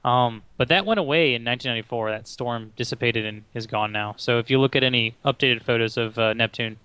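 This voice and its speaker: A man with a bright, clear voice chats eagerly about space in an easy, conversational tone. He sounds close and dry on the mic. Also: mid-range voice, fast talker, no room sound. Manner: enthusiastic, conversational. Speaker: podcast co-host. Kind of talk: casual chat.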